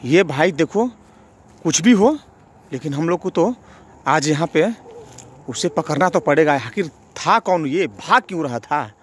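Husky-voiced man ghost hunting, high-pitched. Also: a little slow, long pauses. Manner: excited, calls out loudly into the dark. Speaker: vlogger exploring a haunted place. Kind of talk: casual ghost-hunting vlog.

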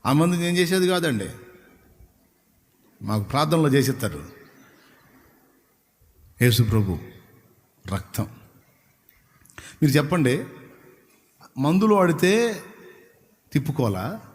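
A man's voice: on the high side, very animated, takes it slowly, pauses often. A male preacher tells stories in a conversational sermon, often asking his listeners questions. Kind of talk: storytelling sermon. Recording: long hall reverb.

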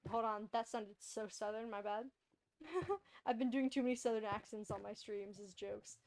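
A woman's voice: mid-range voice, moderate pace, darkish tone, slight background noise. A young woman streaming a video game, chatting casually and rambling, with frequent laughs. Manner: bubbly, rambling, laughs often. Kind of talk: casual gameplay chat.

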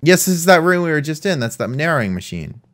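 Talking fast in a voice on the high side, a young gaming channel co-host chats casually while playing. He needles his friend with dry humor and lively reactions.

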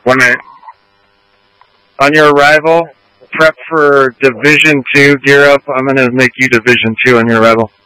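A man's voice: medium pitch, fairly even intonation, moderate pace, sharp tone, clear, resonant tone, no room sound, low-quality recording. A man working as fire incident commander, giving terse radio orders over a two-way radio. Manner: terse, directive.

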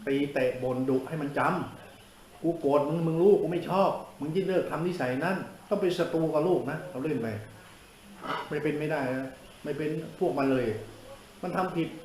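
A man's voice: fairly high pitch, moderate pace, a little mellow, echoey room, rough recording. An older man, a monk giving a blunt, informal sermon, coarse and scolding, who laughs at his own jokes.

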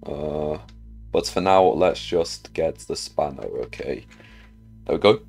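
His voice is low, gravelly and a bit mellow as he hosts a gaming video without rushing. He chats loosely about what he's doing in the game and mumbles questions to himself while music plays.

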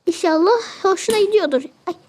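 A woman's voice: very high-pitched, fast, a little mellow. A young woman chatting casually as she narrates a game, fretting and exclaiming as she goes. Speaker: game video creator.

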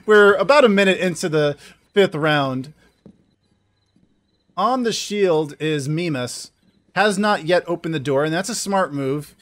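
Male esports caster, excitable, lightly raised pitch, play-by-play delivery. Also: a little slow, long pauses. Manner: excitable, bursts into laughter and loud exclamations.

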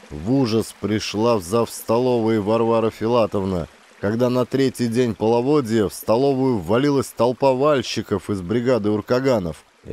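A man reading an audiobook in steady, dramatic scripted narration. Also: fairly low pitch. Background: faint music.

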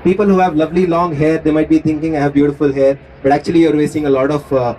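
A man's voice: fairly high pitch, fairly even intonation, racing, mellow. A man with a South Indian accent giving a playful speech on an outdoor stage, switching between languages. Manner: mixes English and Kannada. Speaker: costumed contestant, radio jockey. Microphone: stage mic heard from the audience. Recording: distant, noisy open-air stadium PA with crowd.

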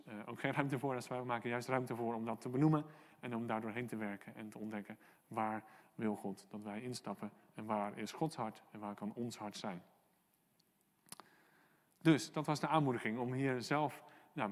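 A man preaching a sermon as pastor, earnest and encouraging, pausing often with "eh" and "ehm" and reading out prayers from the psalm. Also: medium pitch, in a large hall. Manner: earnest, encouraging, many hesitations and quoted prayers. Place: church hall.

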